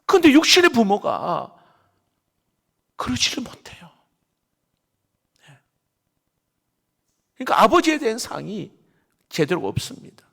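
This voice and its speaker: A middle-aged male pastor, preaching a sermon emphatically and swinging between loud stresses and hushed, half-whispered asides. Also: high-pitched, huge pitch swings, measured pace, vocal fry, long pauses. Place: church sanctuary. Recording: reverberant church sanctuary.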